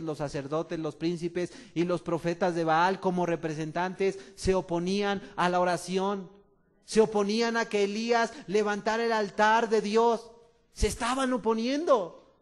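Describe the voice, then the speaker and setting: A male preacher with a Mexican accent delivers an impassioned sermon in a fairly high voice. He drops to soft, intimate asides and then rises to loud, urgent appeals. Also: steady tone, unhurried. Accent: Mexican Spanish. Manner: addresses listeners as "amado".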